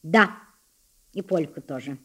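A woman voicing a poor, shy but proud teenage boy with a hoarse, timid voice. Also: mid-range voice, lively intonation, measured pace. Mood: restrained. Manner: quiet, restrained, polite.

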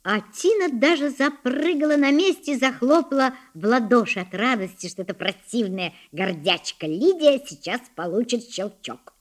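A woman narrating classic prose aloud in an expressive, lively storytelling manner. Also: a little high, moderate pace, hardly any pauses. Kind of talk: audiobook reading of classic prose.

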